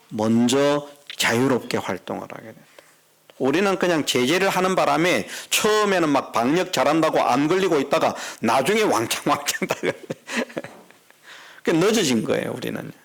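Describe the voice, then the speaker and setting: A man's voice: fairly high pitch, fairly bright tone. A middle-aged man preaching a sermon as pastor in a church, talking conversationally and putting questions to the congregation. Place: church sanctuary.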